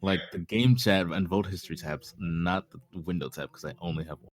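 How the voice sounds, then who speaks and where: A man's voice: deep voice, a little fast, no echo. A man chatting casually during an online game, joking and talking to himself as he types. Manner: animated, joking, talks to himself while typing.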